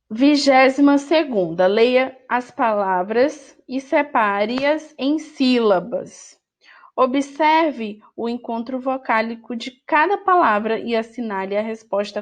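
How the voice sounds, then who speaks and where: A woman teacher with a Brazilian Portuguese accent, correcting a workbook in an online lesson, who speaks patiently and repeats each word. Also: on the high side. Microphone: screen recording with voice-over.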